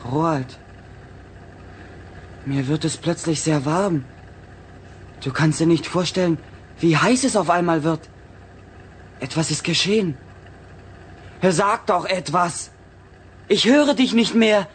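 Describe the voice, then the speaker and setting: A man's voice: fairly high pitch, takes it slowly, long pauses, slight background noise. An actor playing an anxious young male spaceship passenger who pleads and grows desperate, in a radio drama. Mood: panicked.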